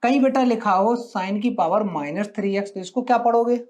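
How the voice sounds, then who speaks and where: A man's voice: sits high, moderate pace, a little mellow. A male maths teacher, lecturing a live class in a classroom. He coaxes his students along, keeps checking that they follow, and calls them "beta" and "bachcha". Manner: coaxing, addresses students as beta and bachcha, asks questions.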